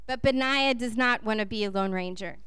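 A guest preacher from Texas, a native English speaker, gives a sermon in short phrases for an interpreter, telling stories in a conversational, playful way. Her voice is a little high and a bit bright, at a moderate pace, with a clean tone and no room sound.

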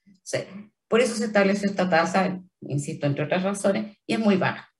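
A woman with a Chilean Spanish accent speaks as a trademark office official in an interview. She explains carefully, pausing on fillers and restarting phrases. Her voice sits a little away from the microphone. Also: medium pitch, recorded from a distance.

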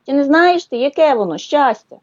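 A woman's voice: sits high, expressive, a little fast, no room sound, lo-fi sound, pitched above the performer's own voice. A woman voicing a timid little boy bunny in a children's story, eager and wistful.

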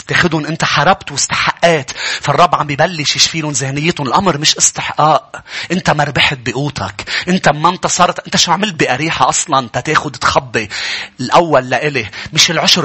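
Fast, fiery preacher. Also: male voice, on the high side, husky. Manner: fervent preaching, climbing to shouts. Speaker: pastor. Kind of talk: sermon.

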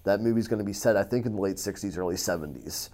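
A man's voice: lowish voice, quick pace, a little mellow. Laid-back male radio movie host. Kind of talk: casual chat. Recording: radio studio with faint music.

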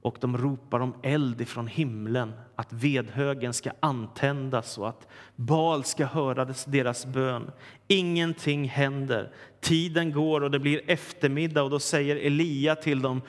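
A man's voice: medium pitch, steady tone. Man preaching in a reverberant hall. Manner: vivid storytelling. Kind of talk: sermon retelling a Bible story.

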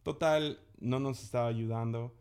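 A man in his thirties with a gravelly edge to his voice. He co-hosts a casual podcast and recounts a frustrating story, acting out what each person said. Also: mid-range voice, fairly even intonation, a little slow, darkish tone. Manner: exasperated, recounting with quoted dialogue. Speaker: podcast co-host.

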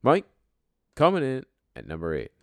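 A man's voice: mid-range voice, wildly swooping pitch, moderate pace, heavy background noise. A man hosting an informal fantasy sports top ten countdown show, with profane, bro-style trash talk. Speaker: fantasy football league show host.

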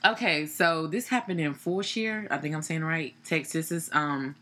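A woman co-hosting a casual podcast, chatty and quick to laugh, recounting a news story with many fillers. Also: deep voice, fairly bright tone. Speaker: podcast co-host. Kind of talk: casual chat.

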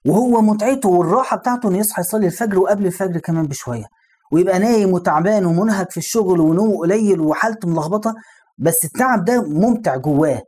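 A man's voice: high voice, very fast, mellow, breathy edge. A man with an Egyptian Arabic accent, preaching in a conversational storytelling lesson and putting rhetorical questions to the listener. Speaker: Islamic preacher.

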